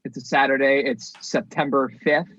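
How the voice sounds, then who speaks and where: A man's voice: mid-range voice, fairly even intonation, normal speed, a bit bright, dry recording. A man co-hosting a podcast, dry and laid-back, keeping the show on track in casual chat. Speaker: podcast co-host. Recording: dry, slightly dull lo-fi audio.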